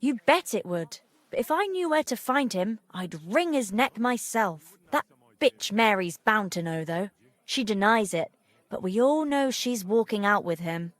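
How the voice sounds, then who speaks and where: A woman's voice: mid-range voice, expressive, measured pace, no room sound, natural voice. An actress playing a blunt, bitter medieval bathhouse woman with earthy speech in a video game. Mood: indignant.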